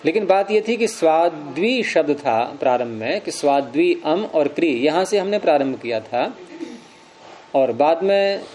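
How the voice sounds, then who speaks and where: Man, grammar teacher, fairly high voice, patient step-by-step explaining, asks and answers his own questions, faint background hum. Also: expressive, a little slow, darkish tone.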